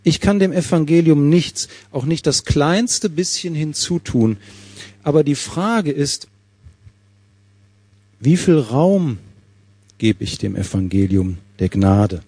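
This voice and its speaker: A preacher with a mellow, slightly husky voice, recorded close and dry. He works through a scripture passage verse by verse and keeps turning to the congregation with questions. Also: fairly high pitch, animated, takes it slowly, long pauses, dry recording. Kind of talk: sermon.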